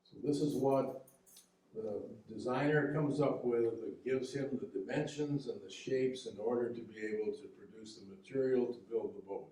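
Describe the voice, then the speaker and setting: A man walks an audience through boat-building slides, explaining each step patiently with frequent restarts. His voice is mellow and relaxed. He sounds set back from the microphone in a boomy, echoing room. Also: distant mic. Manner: explanatory, halting with fillers and restarts. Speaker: local history talk presenter, boat builder. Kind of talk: public history lecture with slides. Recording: echoey room, heard from afar.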